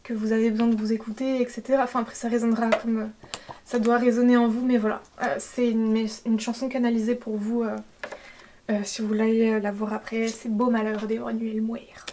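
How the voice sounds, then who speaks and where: A woman giving an intuitive tarot reading, talking hesitantly with many fillers and a gentle tone. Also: a little high, little pitch movement, brisk, a little hiss or hum. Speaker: tarot reader. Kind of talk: intuitive card-reading guidance.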